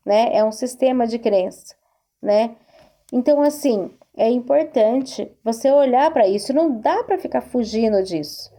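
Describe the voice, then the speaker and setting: A woman's voice: high voice, mellow. A woman therapist giving an earnest self-help talk to camera, repeating herself and asking rhetorical questions. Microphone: recorded video to camera.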